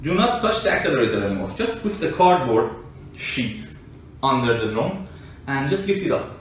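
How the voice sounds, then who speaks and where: A mid-range male voice, very animated and at a moderate pace, belongs to a self-described engineer and scientist. He argues his case casually to a listener, drawing on everyday examples. The sound is echoey and distant, with faint noise.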